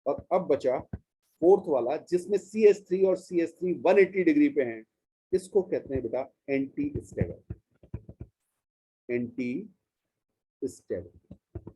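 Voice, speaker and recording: A man from India gives a chemistry lecture in class, explaining patiently step by step, drawing out key terms, and calling students "beta." His voice is fairly high-pitched and warm, with a breathy edge.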